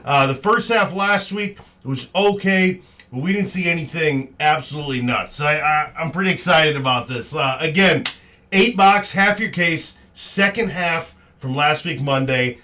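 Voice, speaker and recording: A man's voice: on the high side, moderate pace, bright, forceful tone. A man hosting a live card break in casual, upbeat, informal chat. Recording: clearly noisy, packs crinkling. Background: crinkling and clicking of card packs.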